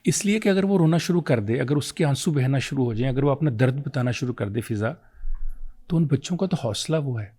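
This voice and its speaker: A man's voice: mid-range voice, expressive, dark tone, breathy edge. A man with a Pakistani Urdu accent, speaking as a guest, delivering an emotional, preacher-like monologue full of rhetorical questions. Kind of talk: emotional oratory on fathers.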